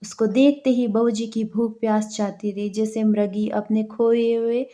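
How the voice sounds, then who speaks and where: A woman narrating a folk story in a measured, expressive storybook reading. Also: a little high. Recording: dull lo-fi recording.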